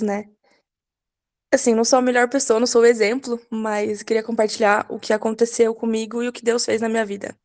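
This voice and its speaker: Brazilian woman in her 30s, earnest and hesitant, flat slightly high voice. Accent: Brazilian Portuguese. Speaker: participant. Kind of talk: personal testimony.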